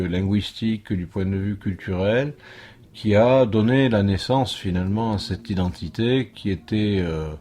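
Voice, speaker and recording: A man's voice: on the low side, dark tone. A middle-aged man from France answering an interview question at length, thoughtful and hesitant, with many fillers and restarts. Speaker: interviewed religious teacher.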